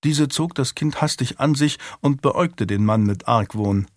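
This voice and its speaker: Brief: male audiobook reader, mid-pitched, steady scripted narration, close dry recording. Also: unhurried, no echo. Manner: calm, even storytelling.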